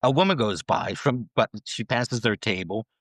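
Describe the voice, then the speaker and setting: A man's voice: on the low side, animated, normal speed, fairly bright tone, no echo. An older man, a cartoonist guest, casually telling funny stories and often breaking into chuckles. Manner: chuckling anecdote teller, trailing off into laughs. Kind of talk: casual storytelling.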